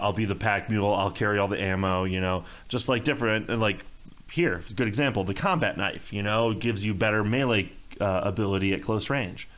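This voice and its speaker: A man's voice: fairly low pitch, pushed and bright, clear, resonant tone. A man co-hosting a casual video game chat show, laid-back and rambling, swearing casually. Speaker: podcast co-host.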